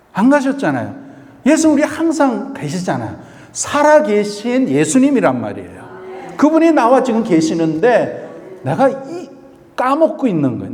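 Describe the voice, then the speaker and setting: Male pastor preaching, a fairly high voice and long hall reverb; he asks rhetorical questions and slips into English. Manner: switches between Korean and English phrases; acts out prayers in a soft voice. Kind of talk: sermon. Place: church sanctuary.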